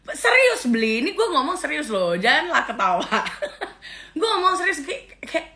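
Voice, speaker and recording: A woman's voice: high-pitched, sing-song, a little slow, pauses often, pushed and bright. A middle-aged woman vlogger ranting casually and scornfully, with frequent exclamations of disgust. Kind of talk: casual reaction rant.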